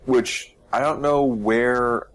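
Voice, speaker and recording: A man's voice: medium pitch, fairly even intonation, takes it slowly. A man in casual chat, thinking aloud and rambling with frequent restarts as he talks through theories. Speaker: co-host of a game discussion stream.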